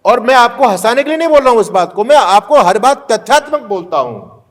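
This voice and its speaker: A man's voice: very high voice, sing-song, brisk. A man giving a preachy, rhetorical moral lecture to students. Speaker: speaker addressing students.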